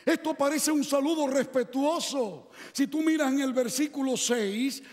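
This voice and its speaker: A man's voice: very high voice, a little slow, darkish tone. A male preacher delivering a sermon, telling a story dramatically and putting rhetorical questions to his listeners. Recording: echoey hall reverb.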